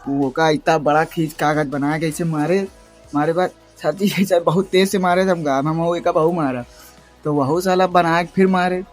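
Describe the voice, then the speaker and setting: A young man with a tells a rambling school anecdote for his vlog, acting out what others said. His voice sits a little high, and faint music plays underneath. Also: moderate pace. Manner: rambling, animated retelling with acted-out quotes. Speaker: vlogger. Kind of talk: casual storytelling vlog.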